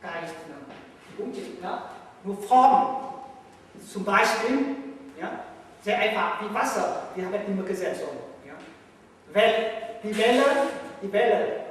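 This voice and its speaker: A meditation master with a Vietnamese accent gives a playful lecture in halting German and teases his students. His voice sits high for a man. He is picked up from far off in a big echoey hall with a faint hiss behind him. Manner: halting broken German, playful, laughs often. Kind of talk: spiritual lecture. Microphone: distant room mic.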